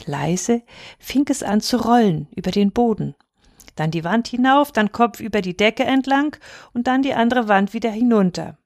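A woman reading a fairy tale aloud in a calm, expressive way, sometimes dropping to a hush. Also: mid-range voice, dry recording, clean studio sound. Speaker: storyteller.

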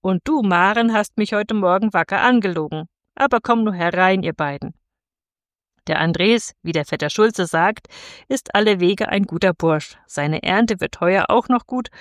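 A woman voicing a stately older male farmer in a storybook, speaking lower and quieter, gruff but kindly. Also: no echo, clean studio sound, close to an everyday voice.

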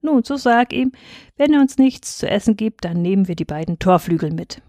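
A woman voicing a calm, wise old male saint who speaks firmly. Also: mid-range voice, normal speed, dry recording, studio quality, close to an everyday voice.

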